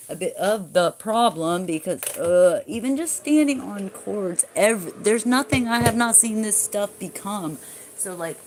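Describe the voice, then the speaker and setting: A woman streaming live, talking loosely to her viewers in a rough, gravelly voice. She rambles from one thought to the next and swears freely. Her pitch sits in the middle. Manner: rambling and profane, talking to viewers and reading their comments. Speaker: livestreamer. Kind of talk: casual livestream chat.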